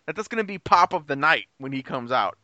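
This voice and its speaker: Male podcast guest, lively swinging pitch, bright tone, blunt and profane, dry sound. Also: fairly quick, no echo, dull audio. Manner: blunt, swears freely, animated. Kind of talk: casual chat.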